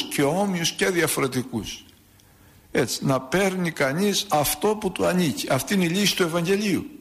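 A priest giving a sermon, telling a saint's story and acting out its dialogue, with rhetorical questions. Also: male voice, on the high side.

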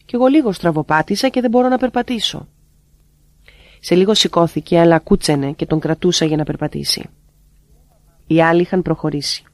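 A steady, unhurried voice reads devotional teachings aloud in the first person, letting each phrase sink softly at its close. The pitch sits in the middle, and the recording is dry and close with no room sound. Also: no echo. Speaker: reader of a monk's teachings.

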